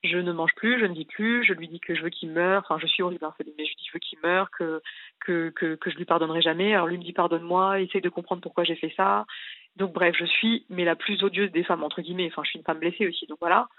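A woman's voice: lowish voice, fairly even intonation, fast talker, dry recording. A distressed woman calling in to a radio show, telling a long story in a rambling way full of details. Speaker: caller. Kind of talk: call-in radio confession. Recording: tinny phone line.

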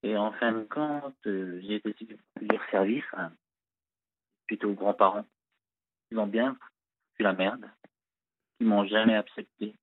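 A man calling in to a radio show over a poor phone line that keeps breaking up, talking in a halting way with many fillers. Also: fairly low pitch, dry recording. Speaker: radio caller. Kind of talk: phone-in conversation. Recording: tinny phone line, dry.

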